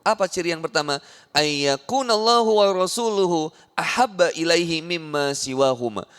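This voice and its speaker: A fairly high-voiced male preacher with a Sundanese accent, giving a lively sermon in a big hall. His voice rings out with a long reverb. He jokes and acts out small scenes along the way. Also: normal speed, clear, resonant tone. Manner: animated, jokey, acts out little scenes in different voices. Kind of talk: lively sermon to a women's audience.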